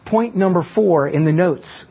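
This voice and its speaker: Male pastor, fairly high husky voice, sermon on a muffled lo-fi recording. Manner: teaching with illustrations and slow emphatic pauses.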